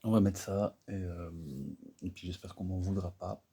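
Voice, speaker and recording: A man's voice: sits low, little pitch movement, normal speed, mellow, breathy edge. A man chatting casually while building a Lego set, rambling and hesitant, full of fillers and self-mocking asides. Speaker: Lego builder and video host.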